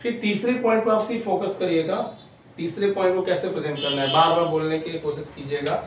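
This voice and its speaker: A man in his thirties teaching an online spoken English class, explaining in Hindi and slowly modelling English sentences. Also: a little high, steady tone, heavy reverb, distant mic, slight background noise, poor audio. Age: 30s.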